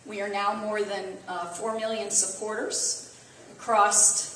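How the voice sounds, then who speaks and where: Midwestern woman, relaxed group talk, mid pitch, echoey room, distant mic. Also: measured pace, slight background noise. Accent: Midwestern American. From American Midwest. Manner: conversational, with fillers and self-corrections. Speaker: volunteer speaker. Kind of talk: casual talk to a small audience.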